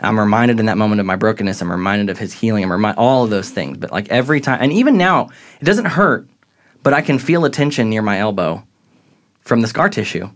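Earnest young man with a lowish voice. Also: fast talker. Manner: earnest, reflective, grows excited retelling moments. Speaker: podcast guest. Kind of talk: faith testimony in casual conversation.

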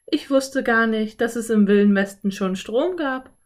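A woman voicing a young girl who is timid and curious, speaking high and often hushed. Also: a little slow, lightly acted. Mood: wondering.

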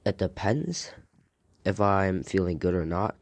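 Low-voiced man, slow and halting. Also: lively intonation, dry recording. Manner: halting, hesitant delivery. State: sick, recovering from a sore throat. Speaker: host of a gaming podcast. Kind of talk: casual solo podcast update.

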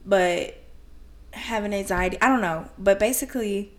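A young woman co-hosts a podcast, chatting casually in a rambling, self-conscious way with a slight lisp and frequent laughter. Her voice is mid-range and moderately paced.

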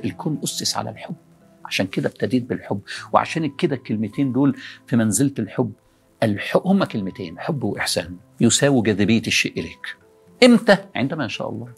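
Brief: Egyptian male preacher, quick delivery, animated rhetorical questions, faint music underneath. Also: fairly low pitch, gravelly, breathy edge. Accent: Egyptian Arabic. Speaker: preacher addressing young people. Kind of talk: motivational religious talk.

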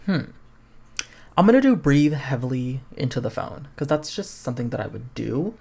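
A man's voice: mid-range voice, very animated, moderate pace, creaky, dark tone, husky. Young man reading a game aloud, self-mocking. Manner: reads choices aloud, wry self-mocking asides, laughs. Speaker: podcast host. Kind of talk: casual playthrough of a choose-your-own-adventure game.

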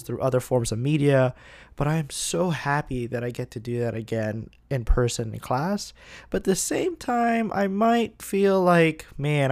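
Subdued young man hosting a podcast. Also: mid-range voice. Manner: subdued, somewhat monotone, reflective. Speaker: podcast host. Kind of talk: casual solo podcast talk.

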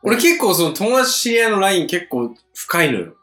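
A man in his thirties co-hosting a podcast in casual chat, teasing his partner and jumping up high when he protests. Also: sing-song, normal speed, pushed and bright. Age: 30s. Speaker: podcast co-host. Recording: echoey room with faint music behind.

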